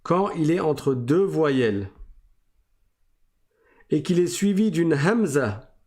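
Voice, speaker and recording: Slow, deliberate man teaching recitation. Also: medium pitch, a little mellow. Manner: slow, deliberate explaining, repeats rules. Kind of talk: classroom lesson on tajwid.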